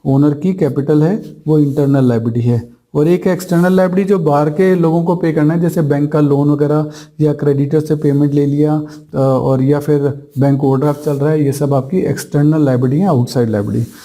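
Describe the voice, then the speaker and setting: A man's voice: fairly high pitch, fairly even intonation, brisk, hardly any pauses, dark tone. A male teacher giving an exam-prep accounting lecture, explaining step by step, mixing English terms into his Hindi and asking rhetorical questions that he answers himself. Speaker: commerce teacher.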